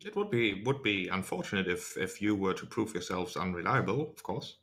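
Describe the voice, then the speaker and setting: A man's voice: deep voice, lively intonation, fairly quick, a bit bright. A man voicing a shifty alien informant in a tabletop game, bargaining, stammering and easily indignant. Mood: veiled threat. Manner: stammering, repeats words.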